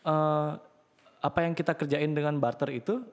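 A man chatting casually as a podcast host, relaxed and joking, with lots of fillers. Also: on the high side, moderate pace. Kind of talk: casual chat. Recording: long hall reverb.

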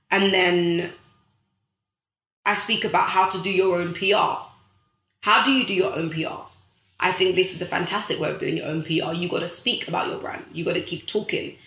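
A woman from the United Kingdom speaks to her online followers in a preachy, rallying way, hammering home the same phrases again and again. Her voice is bright and forceful. The room around her rings with plenty of echo. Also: medium pitch. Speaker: livestream host and author. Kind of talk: motivational livestream talk. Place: bedroom at home.

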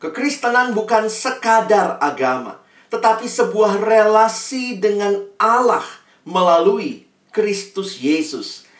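A preacher giving a sermon to an online congregation, telling stories with lively delivery and speaking directly to the listeners. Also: mid-range voice. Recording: roomy sound, distant mic.

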